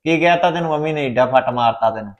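A woman's voice: deep voice, fast talker, dull audio, close to an everyday voice. A woman playing a domineering husband with a Punjabi accent, scolding his wife. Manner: scolding, threatening. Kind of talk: family drama acting.

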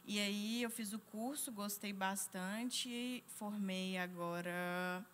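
A woman in her thirties, a guest on a studio talk panel, telling her story in a quick, chatty way into a handheld mic. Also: medium pitch, fairly even intonation, a bit bright, slight background noise. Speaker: guest student. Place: TV studio set.

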